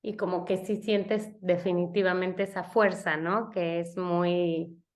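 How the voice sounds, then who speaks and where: A woman's voice: on the low side, steady tone, unhurried. A woman hosting a podcast interview, chatting in a reflective way with frequent tag questions. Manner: warmly reflective, frequent "no?" tags, restarts. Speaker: podcast host. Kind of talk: casual interview chat.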